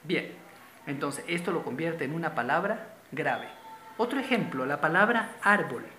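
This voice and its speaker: A man's voice: on the high side, expressive, moderate pace, pushed and bright, a little hiss or hum. A man from Venezuela, teaching a grammar lesson patiently, repeating key terms and pointing at a board. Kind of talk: classroom-style grammar lesson. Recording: roomy echo.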